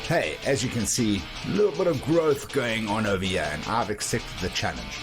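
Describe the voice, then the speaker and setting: Low-pitched male radio host over music. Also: sing-song, normal speed. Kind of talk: radio presenting, direct appeal to listeners.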